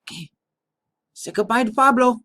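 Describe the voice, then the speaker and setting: A math teacher voicing a playful man with a put-on Spanish accent, swinging between loud lines and hushed asides. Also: very high-pitched, normal speed, pitched above the performer's own voice.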